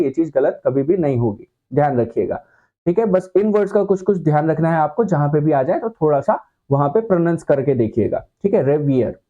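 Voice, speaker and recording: A man's voice: a little high, mellow. A man teaching a shorthand class in mixed with terms, patiently asking the students questions and answering them himself. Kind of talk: classroom lesson. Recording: dull lo-fi recording.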